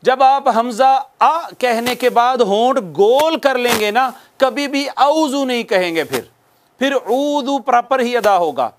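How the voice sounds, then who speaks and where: A man teaches Quran recitation in a very high voice. He speaks slowly and patiently, drawing out each recited word so students can follow. His explanations are calm and deliberate. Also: slight background noise. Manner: slow, patient, repeats drawn-out recited words for students to follow. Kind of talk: slow spoken tajweed lesson with recited examples.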